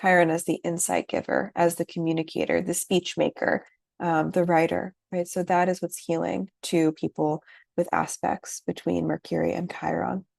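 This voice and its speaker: A woman with a low, gravelly voice teaches a workshop, speaking gently and reflectively and often pausing with fillers. The sound is dry and close, with no room echo. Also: level tone. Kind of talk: lecture.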